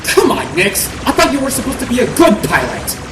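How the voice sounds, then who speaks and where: Woman voicing snarky, animated robot rat. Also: fairly high pitch, brisk. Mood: exasperated. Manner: sarcastic, complaining. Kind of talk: comic dub cartoon acting. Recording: echoey room, music underneath.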